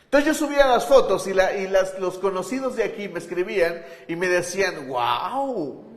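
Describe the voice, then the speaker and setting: High-voiced preacher in an echoey hall. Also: male voice, brisk. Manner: conversational preaching with rhetorical questions to listeners. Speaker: pastor. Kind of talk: sermon. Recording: echoey hall with long reverb.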